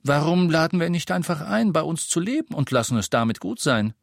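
A man voicing a calm, firm father seeing his sons off. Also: on the high side, a little fast, vocal fry, no room sound, studio quality, pitched above the performer's own voice, heavily acted. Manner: firm, reassuring.

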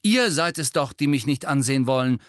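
A man's voice: mid-range voice, expressive, normal speed, no echo, clean studio sound, pitched above the performer's own voice, lightly acted. A man voicing a sullen, irritable teenage boy who answers stiffly and curtly.

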